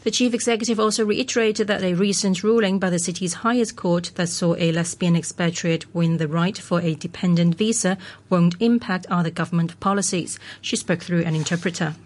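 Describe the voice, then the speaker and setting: A woman's voice: lowish voice, fairly quick, a little mellow. A woman presenting the news on radio, reading from a script.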